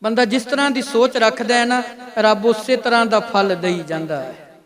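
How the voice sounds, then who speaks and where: A man preaching a Sikh religious discourse, slowing into a chanting cadence for verses. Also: very high voice, fairly bright tone. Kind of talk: religious discourse with recited scripture. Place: Sikh gathering before a congregation. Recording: live gathering with crowd noise.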